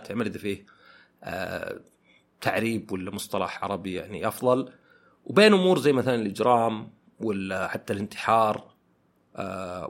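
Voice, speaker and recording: Reflective man, brisk low voice. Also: fairly bright tone. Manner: thoughtful, searching for words with many fillers. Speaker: podcast host. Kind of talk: reflective podcast monologue.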